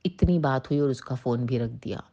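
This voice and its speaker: A woman's voice: extremely low pitch, normal speed, warm tone, muffled recording. A woman in her forties earnestly telling a personal testimony in a satsang, mixing Hindi with English as she speaks to the listeners. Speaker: devotee sharing a testimony.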